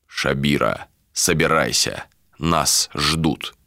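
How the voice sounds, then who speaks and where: A man reading an audiobook voices a cold, contemptuous male ruler in a low, measured voice. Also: vocal fry, sharp tone, no room sound, studio quality, heavily acted. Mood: cold, commanding.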